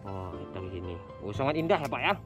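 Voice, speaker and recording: Teasing man with sudden shouts. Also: animated, fast. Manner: teasing, bursts into loud high shouting. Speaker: vlogger flying a drone. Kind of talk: playful running commentary. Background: background music.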